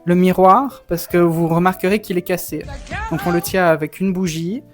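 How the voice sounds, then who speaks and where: A man's voice: high voice, steady tone, normal speed, faint music behind. A young man chatting casually for a vlog in the campy, playfully theatrical manner of a drag queen. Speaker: drag performer and vlogger.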